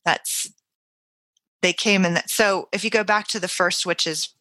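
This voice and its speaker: A woman co-hosting a podcast, talking about a play in a casual, excited way and eagerly explaining it. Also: on the low side, unhurried, dry recording. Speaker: podcast co-host. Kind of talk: casual literary discussion.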